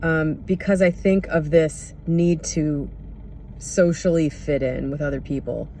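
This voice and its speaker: Casting: mid-pitched voice for an unscripted reflective monologue, candid, hesitant, casual, with faint vehicle-like noise behind. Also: fairly even intonation, unhurried, darkish tone. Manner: candid, hesitant, searching for words. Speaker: podcast or vlog host.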